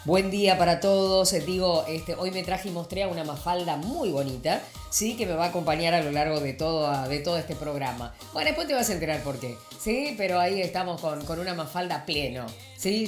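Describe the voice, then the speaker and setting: The low-pitched, reverberant voice belongs to a woman hosting morning radio in a studio, speaking with an Argentine Spanish accent. After a warm greeting, she chats casually and rambles, full of fillers and restarts.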